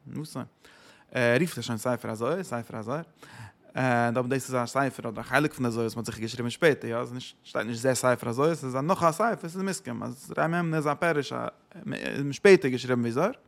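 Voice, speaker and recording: A man teaching a religious text lesson. He asks himself questions, answers them, and hits sudden loud stresses. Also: mid-range voice, fast, creaky. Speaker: Torah teacher.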